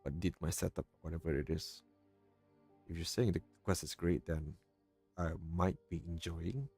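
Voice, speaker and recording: A man casually chatting while gaming, speaking softly and haltingly into a home mic. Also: low-pitched, gravelly, husky. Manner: soft-spoken, halting, hushed. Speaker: game streamer. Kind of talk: casual gameplay commentary. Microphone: newly set up home mic. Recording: home mic with game music behind.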